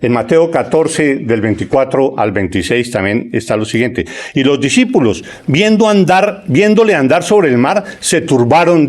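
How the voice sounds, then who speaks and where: A man's voice: on the high side, darkish tone. A man preaching a sermon, reading scripture aloud and often checking in with "¿sí?". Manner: conversational preaching with frequent "¿sí?" checks and word repetitions; reads scripture aloud, stretching key phrases slowly.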